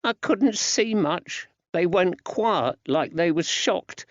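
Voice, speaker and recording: In this audiobook story, a male narrator plays a scared young working-class lad who speaks slowly and expressively in a high, plaintive voice with old-fashioned rustic dialect. He comes across as shaken, grief-stricken and earnest. The recording is dry and a little dull, with no room sound.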